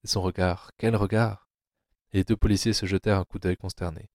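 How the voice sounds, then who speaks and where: Deep-voiced male drama narrator. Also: a little fast, no echo, studio quality. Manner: low, steady storytelling.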